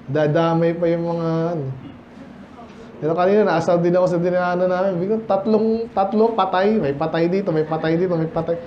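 A man's voice: high-pitched, flat delivery, a little fast, echoey room, muffled recording, a little hiss or hum. A Filipino man preaching at a midweek Bible study, talking conversationally and often asking the congregation questions. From Philippines. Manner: conversational, asks the congregation questions, mixes English and Tagalog. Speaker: pastor. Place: church hall.

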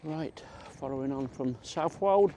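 Walking outdoors in a country park, a middle-aged man chats casually for his vlog. His voice leans high but dark in tone, and he talks a little slowly. Faint ambient noise from the outdoors is audible.

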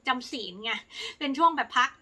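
A young woman from Thailand answering viewer questions in a casual, polite vlog, with lots of soft fillers. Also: fairly quick.

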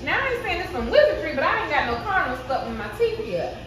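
A woman's voice: high voice, big pitch swings, fast talker, noisy background. A woman in her thirties chatting playfully and expressively in a casual travel vlog, filmed on a handheld phone. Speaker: vlogger. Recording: echoey spot with loud music.

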